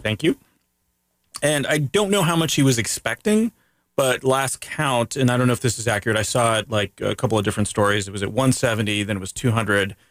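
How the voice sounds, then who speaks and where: A man's voice: medium pitch, fairly quick, fairly bright tone, no room sound. A man hosting a casual radio chat show, joking and rambling in an easygoing way. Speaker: radio host.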